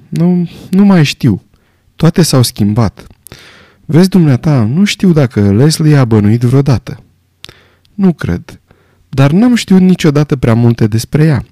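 A man reading the part of an old army general, speaking quietly, gravely and reflectively. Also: mid-range voice, animated, no echo, studio quality, lightly acted. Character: old male army general, calm, weary, haunted.

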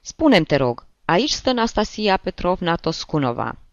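A man's voice: sits high, very animated, no room sound, muffled recording, voice pushed up. A man voicing a courteous, formal middle-aged uncle in an audiobook reading.

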